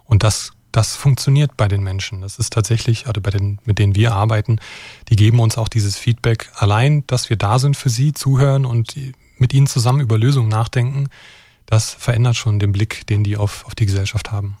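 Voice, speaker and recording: A middle-aged man from eastern Germany talks quickly in a lowish voice, explaining his work in long runs. He keeps tagging his points with a questioning "ja". The sound is close and dry. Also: steady tone, mellow, no room sound. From Brandenburg, Germany. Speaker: expert guest from an extremism center. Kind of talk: conversational interview.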